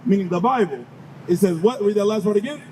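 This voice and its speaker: A man's voice: high voice, fast, darkish tone, a little hiss or hum, rough recording. A man preaching on a city street, firing questions at his listeners and urging them on with 'come on'.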